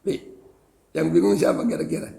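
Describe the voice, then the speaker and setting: A man's voice: a little high, expressive, fairly quick, gravelly, dark tone, long reverb tail. A man with a Sundanese accent, a preacher giving a religious study lecture to his congregation and explaining Arabic text line by line with joking asides. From West Java, Indonesia. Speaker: Islamic preacher.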